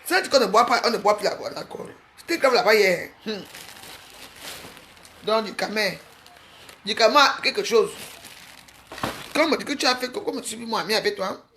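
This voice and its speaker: A woman's voice: mid-range voice, animated, moderate pace, long pauses, a bit bright, slight background noise. Mocking woman ranting in gossip. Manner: mocking and insulting, laughs often. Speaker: vlogger. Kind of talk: casual gossip rant to camera.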